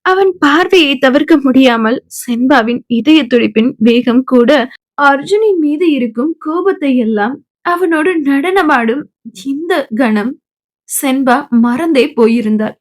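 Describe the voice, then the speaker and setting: A woman reading a romance novel aloud in calm, even audiobook narration. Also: high-pitched, measured pace, no echo. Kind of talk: scripted narration.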